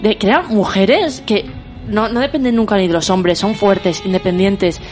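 A woman's voice: mid-range voice, a little slow, darkish tone, soft background music. Emphatic young woman co-host. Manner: emphatic, many agreeing fillers. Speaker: podcast co-host. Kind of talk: casual film chat.

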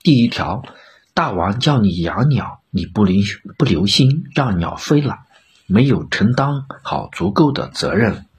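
A man gives voice to a wise old chancellor in an audio storybook. The voice is low and very husky, steady and stern, spelling out his reasoning point by point as if correcting a ruler. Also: full character voice. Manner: measured, admonishing. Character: shrewd old male chancellor, calm and stern.

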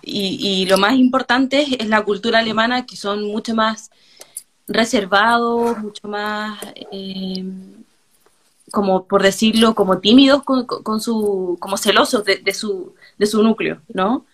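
A young Chilean woman chatting in an interview, telling stories in an animated way and acting out quotes. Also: medium pitch, a little slow. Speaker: guest, hairdresser. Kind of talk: casual interview chat.

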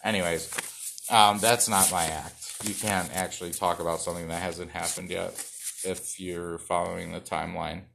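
A young man with a lowish but bright, forceful voice talks through a loose stand-up set read off cards. He rambles, stumbles, swears and mocks himself between jokes. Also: flat delivery, normal speed, creaky, slight background noise. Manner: self-mocking, profane, rambling with many fillers and restarts. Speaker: stand-up comedian.

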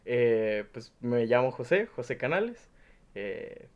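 A man in his twenties with a Nayarit Mexican accent, a student guest talking thoughtfully with many pauses and fillers. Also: medium pitch, very animated, dull audio. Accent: Nayarit Mexican Spanish. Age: 20s. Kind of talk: casual chat.

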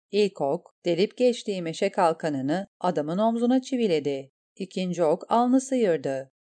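A woman narrating a fantasy novel in a measured, dramatic reading style. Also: lowish voice, warm tone. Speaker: audiobook narrator. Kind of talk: scripted narration.

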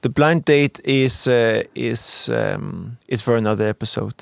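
A man's voice: medium pitch, unhurried, vocal fry, dry recording. A man in his twenties from Denmark, co-hosting a podcast in casual chat, hesitant with many fillers and restarts. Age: 20s. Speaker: podcast co-host.

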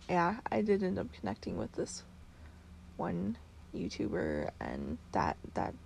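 Tired woman rambling on her vlog, gravelly fry in her voice, a little hiss behind. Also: mid-range voice, darkish tone, low-quality recording. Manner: rambling, many fillers and restarts, talking in circles. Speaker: vlogger and podcaster. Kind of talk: rambling casual monologue.

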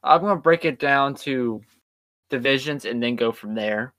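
A tired man chatting casually as a podcast co-host, drifting from point to point with a middle-pitched voice. The sound is close and dry. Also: normal speed, a bit bright, no echo. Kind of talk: casual chat.

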